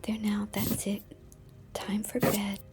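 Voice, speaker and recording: A woman whispering a bedtime story and tucking-in roleplay in a soft, gentle, soothing voice close to the mic. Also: medium pitch, completely flat delivery, takes it slowly, over music. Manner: soft unvoiced whisper throughout. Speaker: ASMR storyteller. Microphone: close mic, whispering near the ear.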